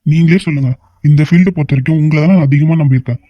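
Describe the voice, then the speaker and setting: Guy voicing a hot-tempered cartoon boss on set, talks super fast, dry flat recording. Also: on the high side, no room sound, muffled recording, lightly acted. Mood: scolding. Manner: rapid, scolding, exasperated questions. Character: stern male film-shoot manager, adult, quick-tempered. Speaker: shoot manager scolding staff. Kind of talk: Tamil animated short voice acting.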